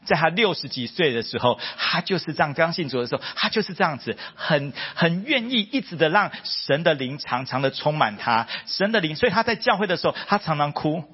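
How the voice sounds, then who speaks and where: A middle-aged man preaching a sermon as pastor, telling stories with lively repetition of phrases. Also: a little high, a little fast, few pauses, slightly rough, big-room sound, highs cut off. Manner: animated storytelling with repeated phrases. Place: church hall.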